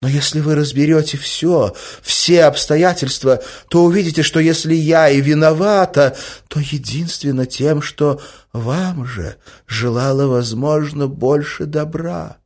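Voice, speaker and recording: A man's voice: on the high side, measured pace, voice pushed up. A man doing a sweetly scheming lady. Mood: cool probing. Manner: soft, honeyed, reproachful. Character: scheming middle-aged lady, sweetly manipulative.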